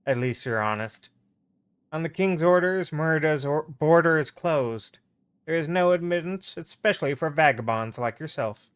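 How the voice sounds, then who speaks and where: A man voicing a stern male gate guard in a game, formal and curt, turning loud and high. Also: expressive, normal speed, clean tone, natural voice. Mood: officious.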